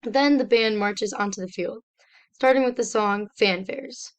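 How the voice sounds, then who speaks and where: A young woman, a student, reading a slide presentation aloud in a steady, step-by-step explanatory way. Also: mid-range voice, unhurried, clear, resonant tone.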